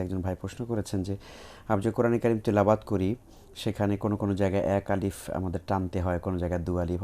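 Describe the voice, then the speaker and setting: Deep-voiced man hosting a call-in show. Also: dark tone. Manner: brief affirmations, polite prompting. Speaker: host. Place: television studio.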